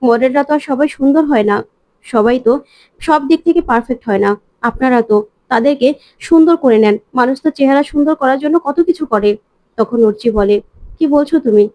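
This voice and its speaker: High-voiced woman retelling a serial. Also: brisk, mellow, no room sound, rough recording. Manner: narrates plainly, quoting each character's lines in turn. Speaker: narrator retelling a TV serial episode. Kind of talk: storytelling recap with quoted dialogue.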